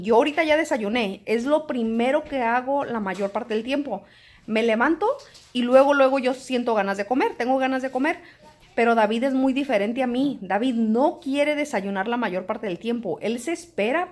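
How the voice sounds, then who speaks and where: A woman, chatting to camera in a home vlog and telling stories in an animated way. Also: high-pitched. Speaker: home vlogger. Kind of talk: casual chat to camera.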